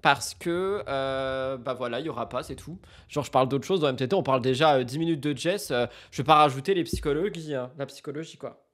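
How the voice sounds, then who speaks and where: Chatty young man streaming, loud and soft by turns. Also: mid-range voice, a little fast. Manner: chatty, jumps between loud outbursts and mumbled asides. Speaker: streamer reacting to celebrity news. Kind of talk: casual live-stream chat.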